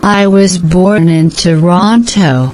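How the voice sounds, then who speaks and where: A woman giving slow, scripted answers in a repeated language-practice dialogue. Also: fairly low pitch, darkish tone, a little hiss or hum, rough recording.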